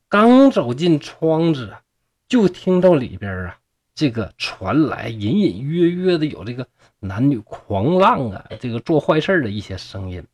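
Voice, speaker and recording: Male storyteller, Northeastern Mandarin accent, chatty and humorous, lively intonation, dry close-miked sound. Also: mid-range voice, normal speed, breathy edge, no room sound. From Shenyang, Liaoning, China. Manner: chatty, folksy, explains old texts with colloquial asides. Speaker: storyteller host.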